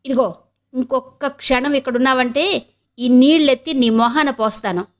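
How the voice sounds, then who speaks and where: A proud young woman with a short temper, scolding in curt, clipped bursts, as a female narrator puts her on. The voice sits a little high, and it is heard in an audiobook reading. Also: normal speed, close to an everyday voice. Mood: angry. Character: sharp-tongued proud young woman of the house.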